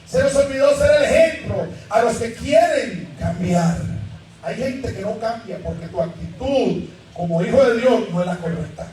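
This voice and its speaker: A man preaching a sermon as pastor to a congregation, shouting points and joking. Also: very high-pitched, recorded from a distance. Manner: shouting sermon delivery with jokes and acted quotes. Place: church service with congregation. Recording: very echoey church hall, from the mic.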